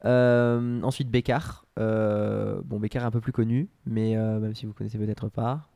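A man's voice: lowish voice, flat delivery, moderate pace, gravelly, warm tone, dry recording. A man co-hosting a casual podcast, giving cultural recommendations in a rambling way with many hesitations and restarts. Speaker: podcast co-host. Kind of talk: casual chat.

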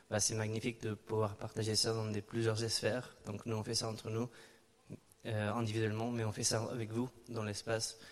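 A low-voiced man in talks in a reverberant hall. His delivery is very flat, and he often halts and repeats words as he looks for the right one. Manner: halting, searching for words, repeating himself. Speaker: dance performer and creator. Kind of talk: panel talk, answering in an audience discussion.

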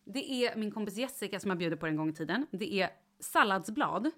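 A woman chats casually, sitting at a middle pitch. She tells her story in a lively, expressive way and acts out the quotes vividly. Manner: animated storyteller, acts out quotes in high excited voice. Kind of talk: casual podcast chat.

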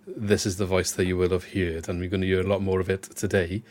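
A man's voice: low-pitched, flat delivery, quick pace, a little mellow. A man with a Swansea Welsh accent, hosting a podcast in a conversational way. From Swansea, Wales. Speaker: podcast host.

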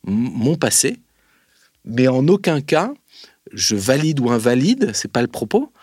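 A man's voice: medium pitch, big pitch swings, a little slow, darkish tone, breathy edge, no echo, studio quality. Man telling a story with many hesitations. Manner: speaks straight to the listener. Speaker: interview guest. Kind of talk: casual storytelling.

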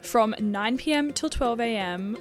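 A woman's voice: on the high side, unhurried, soft background music. An Australian woman hosting a podcast in a casual, effusive, giggly way with plenty of swearing. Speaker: podcast host. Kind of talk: casual chat.

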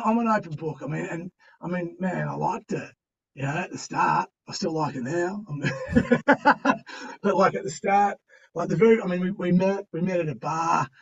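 A man's voice: fairly high pitch, gravelly, breathy edge, recorded from a distance, muffled recording. A middle-aged Australian man chatting as a podcast guest, telling stories and giving encouragement in an emphatic, slangy, blokey way. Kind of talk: animated interview storytelling and motivational chat.

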